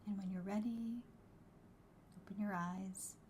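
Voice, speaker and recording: A woman leads a guided meditation in a soft, hushed voice that nears a whisper. Her tone is mellow and relaxed, with a medium pitch and unhurried, soothing phrasing. Faint noise sits behind her. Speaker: host, wellbeing coach and meditation guide.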